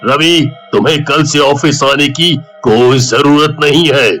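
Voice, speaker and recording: A man's voice: fairly high pitch, a little slow, pushed and bright, soft background music. A man voicing a harsh, arrogant middle-aged boss who speaks with stern contempt, in a cartoon. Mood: contemptuous.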